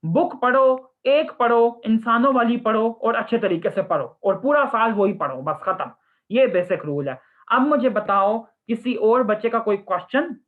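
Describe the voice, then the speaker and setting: A young man, a surgery resident, giving casual advice to students in Hindi-Urdu with English phrases, often saying "okay". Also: high voice. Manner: mixes English phrases into Hindi-Urdu, calls listeners 'children'; repeats 'ठीक है' often. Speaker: surgery postgraduate resident answering students' questions. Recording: phone-like narrow audio.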